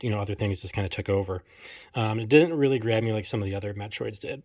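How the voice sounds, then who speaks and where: A man in his thirties chatting casually to camera while unboxing collectibles, full of fillers and self-deprecating jokes, filming on a handheld phone at home. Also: fairly low pitch. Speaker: collector vlogger. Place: home game room. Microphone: phone camera held in one hand.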